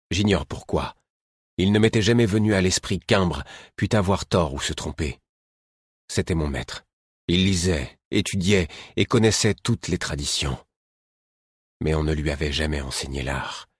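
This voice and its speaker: Deep husky male narrator. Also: dry recording, studio quality. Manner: measured, lively storytelling. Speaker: audiobook narrator. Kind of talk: scripted narration.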